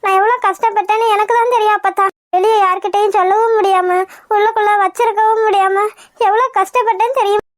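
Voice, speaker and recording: A woman's voice: very high-pitched, steady tone, fast talker, dry recording, clean studio sound. A woman voicing a hurt, stubborn young pregnant wife in a cartoon, sulky and defiant. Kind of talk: cartoon voice acting.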